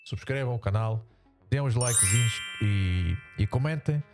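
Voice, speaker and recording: A man's voice: animated, measured pace, over music. A man with a European Portuguese accent, his voice run through a voice changer, talking casually to viewers in a rambling way with many restarts. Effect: voice changer, pitched down. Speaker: YouTuber reacting to a sports show.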